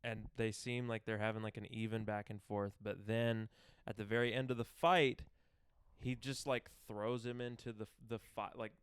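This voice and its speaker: A man's voice: fairly low pitch, little pitch movement, moderate pace, smooth, dry recording, clean studio sound. A young man co-hosting a podcast, talking loosely about a movie with lots of fillers and easy laughs. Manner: rambling, filler-heavy, laughs easily. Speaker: podcast co-host. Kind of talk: casual chat.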